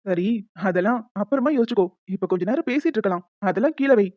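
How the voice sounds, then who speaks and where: A woman's voice: fairly high pitch, expressive, fast, no room sound, lightly acted. A woman voicing a teasing, playful young man in a cartoon. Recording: dull lo-fi, dry.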